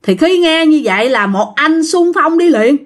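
A woman narrates a ghost story in a chatty, conversational manner, speaking straight to her listeners. Her voice is high and animated, rising and falling widely. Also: moderate pace. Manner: chatty, addresses listeners directly.

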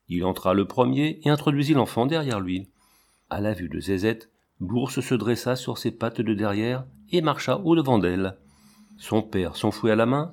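A man reading a novel aloud as an audiobook, in a measured, steady way. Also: medium pitch. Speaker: narrator. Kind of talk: audiobook narration.

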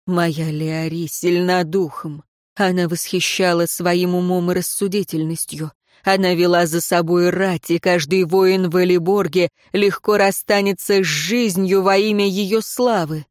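A woman voicing a bitter imprisoned nobleman, speaking slowly and coldly with mockery. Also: fairly low pitch, fairly even intonation, no room sound, studio quality, lightly acted. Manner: slow, cold, mocking.

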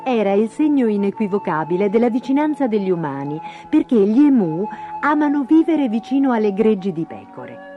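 A woman reading a fairy tale aloud in a lively, expressive storytelling manner. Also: medium pitch, brisk. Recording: dull lo-fi with faint music.

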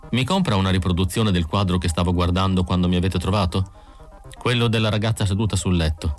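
An icy, scornful female android on the run, put on by a male narrator. The voice is lifted higher than his own deep tone and stays cold and hostile throughout. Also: fast talker, faint music behind, close to an everyday voice. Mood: pleading.

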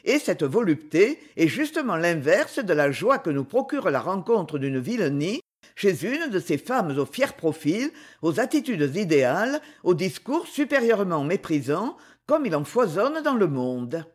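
Expressive literary audiobook narrator. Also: mid-range voice, a little slow. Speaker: audiobook reader.

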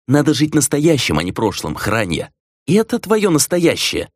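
A man's voice: mid-range voice, wildly swooping pitch, normal speed, no room sound, clean studio sound, voice pushed up. A man reading an audiobook voices an arrogant, scornful male vampire clan lord. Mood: mocking. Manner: scornful, domineering, shouting at times. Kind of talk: audiobook character voice.

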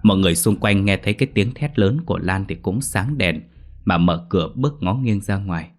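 A man narrating a horror story dramatically, slowing down at grisly details. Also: low-pitched, animated.

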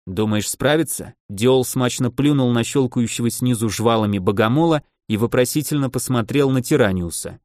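A man narrating a fantasy audiobook in an even, steady reading voice. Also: mid-range voice, normal speed, hardly any pauses, no room sound, studio quality.

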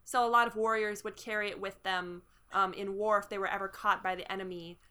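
A woman game master narrating a tabletop scene, descriptive and peppered with fillers. Her voice is bright and clear. She speaks at an ordinary middle pitch. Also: steady tone, fairly quick.

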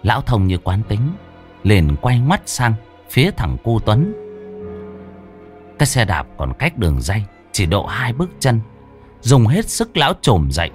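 A man narrating a horror story in a dramatic, expressive way. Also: fairly low pitch, a little slow, soft background music.

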